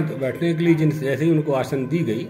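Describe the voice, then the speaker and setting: A man's voice: fairly high pitch, moderate pace, dark tone. An older man, a religious storyteller, retelling a devotional tale with quoted dialogue and chuckling asides. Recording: echoey room with faint music.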